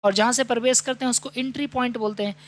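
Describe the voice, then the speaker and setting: A man teaching an exam-prep vocabulary lesson. He reads the English definitions slowly, explains them, and keeps asking and answering his own questions. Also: very high-pitched, fairly even intonation.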